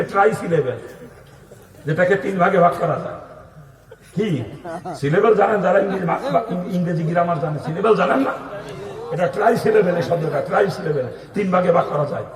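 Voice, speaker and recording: A man preaching an open-air sermon, thundering and mocking, often shouting rhetorical questions at the crowd. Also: on the high side. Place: outdoor gathering. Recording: echoey distant PA sound.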